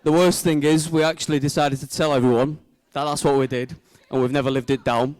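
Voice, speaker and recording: A man's voice: on the high side, fairly even intonation, brisk, darkish tone, dry recording. A man giving an informal, heartfelt wedding speech as the groom's brother, speaking sincerely and a little hesitantly.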